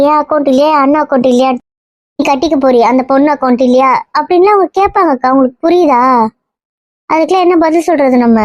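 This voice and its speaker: A woman plays an anxious aunt who pleads with the family. Her voice is high and quick, and the recording is dry and muffled. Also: darkish tone, no echo, close to an everyday voice. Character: worried aunt of the groom. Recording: muffled lo-fi sound.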